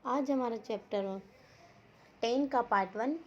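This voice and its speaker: A woman teacher leads an online lesson for children, speaking very slowly and patiently in a slightly high voice. She repeats each word and keeps checking in with questions to the class. The recording is dull and lo-fi, with a faint hiss underneath. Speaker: school teacher. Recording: dull lo-fi audio with faint noise.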